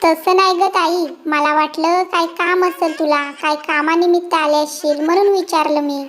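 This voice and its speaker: Henpecked cartoon husband, squeaky sped-up voice, voiced by an actor. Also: male voice, flat delivery, normal speed, a bit bright. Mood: meek. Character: henpecked village husband and brother. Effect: high pitch-shifted cartoon voice.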